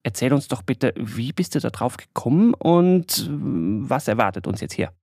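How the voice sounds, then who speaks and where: A man hosting a casual podcast, talking in a relaxed, conversational way and guiding his guest with questions. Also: mid-range voice, a little slow, no echo, studio quality. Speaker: podcast host.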